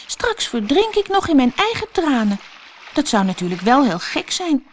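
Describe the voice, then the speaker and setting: Woman doing a high weepy little girl voice, bewildered, lots of up and down, storybook, music under. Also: big pitch swings, normal speed, a little hiss or hum. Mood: distressed. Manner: high girlish voice, whimpering and exclaiming. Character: young girl Alice, tearful and bewildered.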